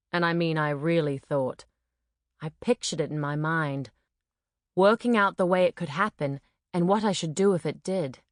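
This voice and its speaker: A woman reading a first-person novel aloud as an audiobook narrator, clear and expressive in her storytelling. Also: on the low side, no echo, studio quality.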